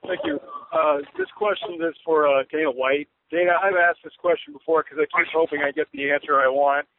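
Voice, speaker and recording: Quick-talking man on a noisy speakerphone. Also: a little high, lively intonation. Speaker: newspaper reporter. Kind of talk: asking questions on a press call. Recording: noisy, dull speakerphone-like phone line.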